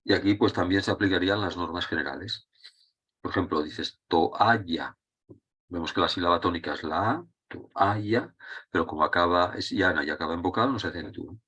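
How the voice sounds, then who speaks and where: A man with a very deep, husky voice teaches a Spanish grammar lesson. He explains rules patiently, step by step, pausing to check that his students are following. His delivery is conversational and unscripted. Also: pushed and bright.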